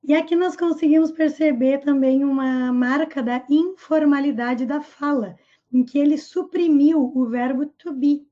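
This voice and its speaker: A woman teaching English vocabulary and pronunciation, explaining a comic strip slowly and clearly. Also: high-pitched, steady tone, dark tone, muffled recording. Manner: slow, careful pronunciation of English examples.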